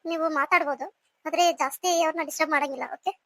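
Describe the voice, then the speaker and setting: A woman's voice: high voice, steady tone, very fast, sharp tone, no room sound, pitched below the performer's own voice. A woman voicing a hospital doctor in a cartoon, giving firm instructions.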